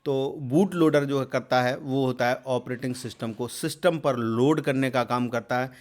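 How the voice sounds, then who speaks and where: A man explaining quiz answers as a computer exam tutor. He repeats terms with many fillers and pauses, and raises his voice loudly to read out each new question. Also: medium pitch. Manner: repeats terms and fills with "jo hai" and hesitations.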